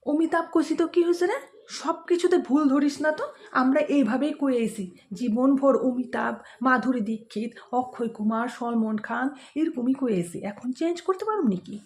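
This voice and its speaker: A woman's voice: sits high, normal speed, a little mellow. A woman playing a simple, stubborn middle-aged mother in a comedy skit, with an insistent, chatty manner.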